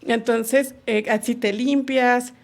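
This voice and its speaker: Gravelly-voiced woman explaining patiently. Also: on the high side, fairly even intonation, slow pace. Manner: explains patiently, acting out little quoted dialogues. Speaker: podcast guest on sexual education. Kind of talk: casual explanatory conversation.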